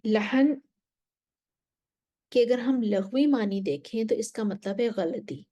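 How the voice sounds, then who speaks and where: A woman, her voice leaning high, gives a careful, unhurried Quran recitation lesson. She breaks up her explanations with Arabic recitation and a few gentle whispered asides.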